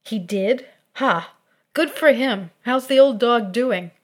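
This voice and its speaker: A brash, warm-hearted young man, once an athlete, voiced by a woman narrating a story. He blurts things out loudly and eagerly. The delivery is slow and unhurried. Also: on the high side.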